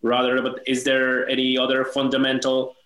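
A man's voice: mid-range voice, completely flat delivery, moderate pace, a bit bright. A man hosting a casual interview, informal and curious, rephrasing his questions as he goes. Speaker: podcast host. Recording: roomy, echoey microphone sound.

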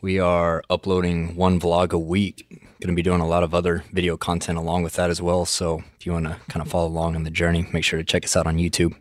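A man's voice: low-pitched, monotone, fast talker, no room sound, clean studio sound. A man co-hosting a podcast in a casual, conversational style. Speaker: podcast co-host.

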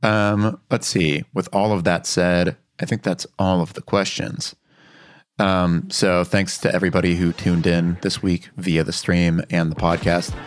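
A man's voice: low voice, a little slow, no room sound. A man hosting a podcast in casual chat, joking with co-hosts and signing off the show. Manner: relaxed, joking, signs off the show. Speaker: podcast host.

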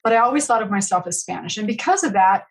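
Talking fast with lively intonation in a medium-pitched voice, a middle-aged woman from California reflects earnestly on her own life. She is a guest on a podcast interview built around reflective storytelling.

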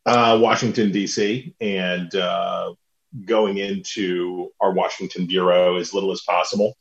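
A man's voice: sits low, flat delivery, measured pace, creaky. A man co-hosting a podcast from home in casual chat, his voice sounding as if he is inside a tin can, chatty with fillers and restarts. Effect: sounds like talking inside a tin can. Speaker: podcast co-host. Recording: dull lo-fi remote line, tinny.

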